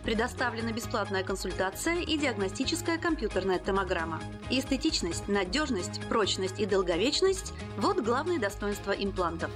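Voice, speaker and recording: A woman's voice: mid-range voice, very animated, moderate pace, hardly any pauses. A woman announcer reading a scripted infomercial-style radio advertisement. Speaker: commercial announcer. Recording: music bed behind the voice. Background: music.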